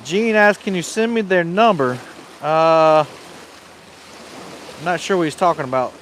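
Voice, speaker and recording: A guest on a casual livestream, a man with a highish, slightly bright voice and measured pace, reads out viewer comments from a windy lake bank. He's easygoing, and the recording is rough.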